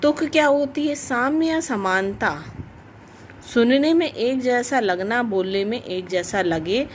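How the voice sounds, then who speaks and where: Slow-speaking woman teaching grammar. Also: fairly high pitch, expressive, a little hiss or hum. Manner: slow, explanatory, repeats definitions. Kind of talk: grammar lesson for children.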